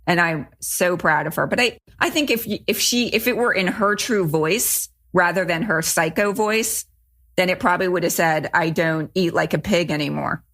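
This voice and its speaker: A woman's voice: on the low side, normal speed, a bit bright. A woman co-hosting a podcast, talking casually and emphatically about a student's story, often restarting sentences. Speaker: podcast co-host.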